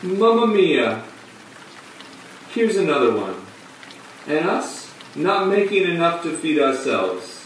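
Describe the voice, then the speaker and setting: A man's voice: a little high, sing-song, slow pace, long pauses. A man voicing a boisterous male clown who speaks in an exaggerated, phony Italian accent. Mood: mocking. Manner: theatrical, exaggerated. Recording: echoey room, distant mic, faint hum.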